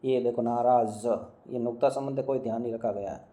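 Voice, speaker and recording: A man teaching Hindi grammar in an online exam-prep lesson, running through words and repeating them, quizzing students with quick questions and answers. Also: medium pitch, fairly even intonation, warm tone.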